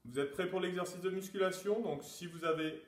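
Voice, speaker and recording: A man's voice: high-pitched, a little fast. A man running a quiz and exercise session as a teacher, reading out answer choices and calling out the start of each exercise. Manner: announcing questions, calling out "top!" to start exercises. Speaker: sports teacher. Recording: echoey room, mic far off.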